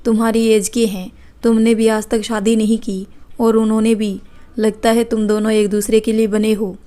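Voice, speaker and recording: A woman's voice: a little high, flat delivery, normal speed, dark tone, close to an everyday voice. A woman voicing a cheeky young man on a train who teases and mocks in playful banter. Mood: teasing.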